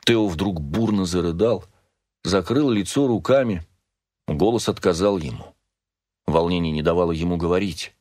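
A man narrating a novel in a measured, dramatic storytelling manner, close to the mic. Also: sits low, a little mellow, no room sound. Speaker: audiobook narrator.

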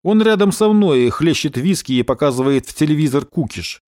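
A man voicing an angry, defiant pilot who is shouting accusations down a phone line. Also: fairly high pitch, expressive, brisk, dry recording, clean studio sound, natural voice. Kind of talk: audiobook character voice.

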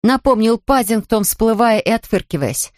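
A woman's voice: on the high side, moderate pace, no echo, clean studio sound. Woman reading a children's story. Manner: lively, voices the characters in turn.

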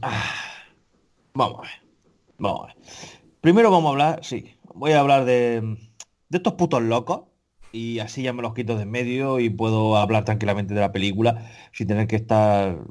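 A man's voice: fairly low pitch, moderate pace, darkish tone. A man, a podcast co-host ranting in casual chat, profane and exasperated, full of restarts.

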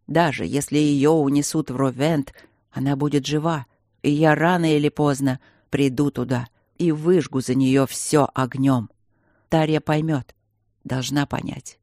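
A man voicing an enraged male castle commandant who growls his lines in a slow, heavy, hoarse voice. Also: mid-range voice, a little mellow, dry recording, clean studio sound, natural voice.

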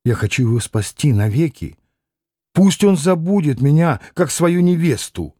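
A man's voice: fairly high pitch, animated, moderate pace, dark tone, dry recording, clean studio sound. A man reading an audiobook voices a proud, anguished young noblewoman who pleads and exclaims passionately. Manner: impassioned, pleading, rising to exclamations.

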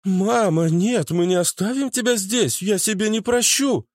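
A man's voice: sits high, measured pace, no room sound, studio quality. A man voicing a flustered young mother in an audiobook, wailing plaintively.

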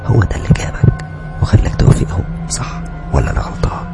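A man's voice: fairly low pitch, very animated, fast, creaky, loud music behind the voice, voice pushed up, heavily acted. A man with an Egyptian accent voicing the stern, taunting inner voice of a frightened narrator in a horror story, half-whispered. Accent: Egyptian Arabic.

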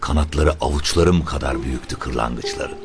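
A man reading a literary story aloud in a deliberate, descriptive way. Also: very deep voice, music in the background. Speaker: narrator.

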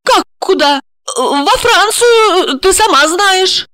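A high, anxious young woman's voice, imploring and tearful, swinging widely in pitch as a female narrator puts it on in an audiobook. The recording is dry and close. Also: expressive, slow pace, sharp tone, dry recording, heavily acted. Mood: pleading. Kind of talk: audiobook dialogue reading.

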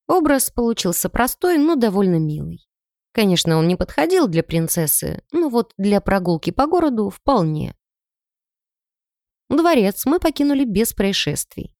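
A woman tells a first-person story in audiobook style, with expressive delivery and a lively pitch. Her voice sits in a middle range. The sound is dry and close-miked. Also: no echo. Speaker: audiobook narrator.

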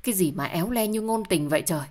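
A woman's voice: mid-range voice, animated, fast talker, darkish tone, close to an everyday voice. A woman voicing a joking male best friend who teases and exclaims in surprise. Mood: alarmed.

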